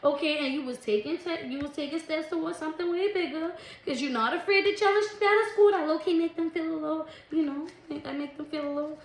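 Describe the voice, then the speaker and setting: A woman doing a casual tarot reading, chatty and quick to laugh, who calls her listeners "collective" and "baby". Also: sits high. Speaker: tarot reader. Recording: echoey room, faint noise.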